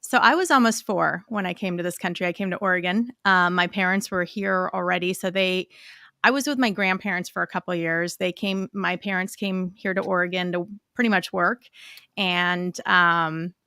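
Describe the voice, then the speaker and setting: A woman's voice: on the low side, steady tone, normal speed, bright, forceful tone, clear, resonant tone, no room sound, clean studio sound. A woman from Chile whose first language is Spanish, chatting openly as a guest on a live stream and laughing easily. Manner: friendly, open, laughs easily. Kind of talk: casual interview chat. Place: live stream video call.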